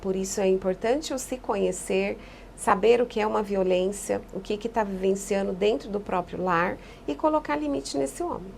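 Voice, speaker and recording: A woman psychologist giving calm, explanatory answers in a podcast interview, often echoing key phrases. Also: medium pitch, moderate pace, vocal fry, a little hiss or hum.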